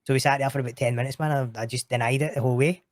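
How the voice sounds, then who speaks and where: A man's voice: mid-range voice, steady tone, rapid-fire, no echo. A man telling stories in a casual interview chat, swearing freely with frequent laughing asides. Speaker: guest.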